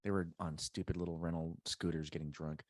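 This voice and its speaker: A man's voice: low voice, steady tone, brisk, a little mellow, no room sound. A man hosting a podcast in casual chat, laid-back and teasing in his banter. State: married. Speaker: podcast host.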